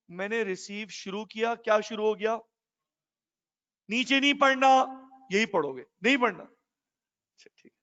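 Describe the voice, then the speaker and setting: A male teacher lectures a class in a high voice. He keeps putting questions to his students and calls them "beta". The sound is muffled and rings with a long reverb. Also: fairly bright tone, smooth.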